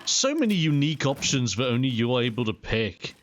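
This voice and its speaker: A young man giving casual, chatty and expressive let's play commentary on a video game. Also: medium pitch, brisk, a little hiss or hum. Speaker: gaming video host.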